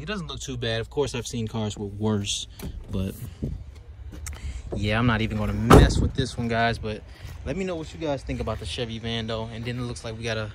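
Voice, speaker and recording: A man's voice: mid-range voice, noisy background. A man giving a loose, chatty walkaround of cars at an outdoor auction lot, talking straight to his viewers as he climbs in and out of cars. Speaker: vlogger touring a car auction lot. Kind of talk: casual walkaround commentary.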